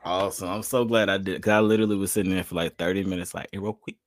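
A man hosts his podcast in loose, profane chat. He talks fast and a little low, circling back over his own words. The sound is close and dry. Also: fairly even intonation, no echo. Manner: loose, slangy and profane, rambling restarts. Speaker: podcast host. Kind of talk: casual interview chat.

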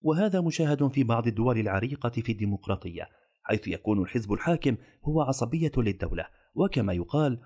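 Fast, husky male narrator. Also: medium pitch. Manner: formal, steady reading delivery. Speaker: narrator reading a magazine article. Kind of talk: formal scripted narration.

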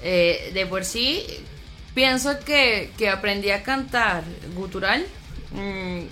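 Woman from Venezuela, bright voice, casual interview talk, reflective, restarts often. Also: mid-range voice, takes it slowly, faint music behind. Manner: reflective, many restarts and fillers. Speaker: metal band vocalist, guest.

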